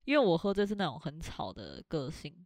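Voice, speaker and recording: A young woman with a Taiwanese Mandarin accent, a podcast co-host chatting casually and telling lively stories. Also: low-pitched, fairly quick, dry recording, clean studio sound. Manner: lively storyteller, acts out loud shouted quotes. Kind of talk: casual chat.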